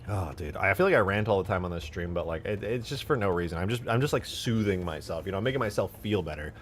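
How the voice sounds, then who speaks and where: A young man streaming from home, ranting in casual chat, swinging from mutters to loud outbursts and cursing a lot. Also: deep voice, animated, fast.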